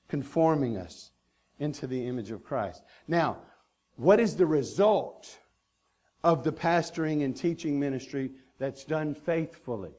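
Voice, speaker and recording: A man's voice: on the high side, darkish tone. A man preaching a sermon as pastor, earnest and emphatic, stacking repeated phrases.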